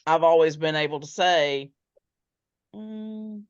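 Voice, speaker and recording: Podcast co-host, woman, low pitch, dry humor, slightly dull recording. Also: unhurried, dry recording. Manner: candid, dry humor, laughs easily. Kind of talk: casual faith chat. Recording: dull, slightly muffled sound.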